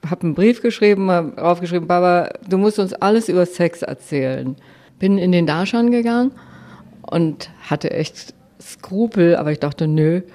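An older woman telling a personal story in a lively way, often quoting her own thoughts. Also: on the low side.

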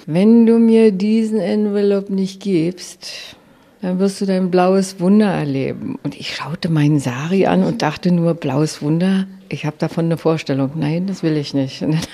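A woman telling a personal anecdote to listeners, lively and animated, with frequent hesitations. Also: deep voice. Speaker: storyteller.

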